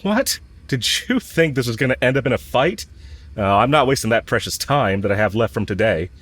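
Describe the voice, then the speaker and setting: Medium-pitched, animated and fairly quick, with a somewhat bright, husky tone, a man performs a romantic audio roleplay as a cocky villain smitten with the listener. He talks casually and frankly, teases, and confesses his love bluntly.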